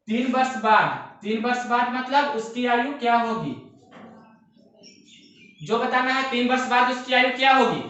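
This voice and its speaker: A man's voice: very high-pitched, sharp tone, highs cut off. A young man teaching a math lesson, explaining step by step and often repeating himself and asking rhetorical questions. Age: young adult. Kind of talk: exam-prep math lesson. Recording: very echoey room.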